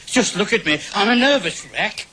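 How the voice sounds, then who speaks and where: An actor playing a nervous, fussing old Santa Claus in a TV comedy special, talking in a fretful, flustered way. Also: male voice, high-pitched, animated, normal speed, bright, forceful tone, slight background noise.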